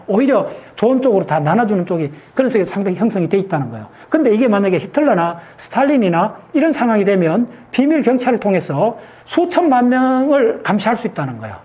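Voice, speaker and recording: A man's voice: high-pitched, warm tone. A man, a guest scientist explaining his ideas emphatically and often asking rhetorical check-in questions. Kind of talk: explanatory talk on a show.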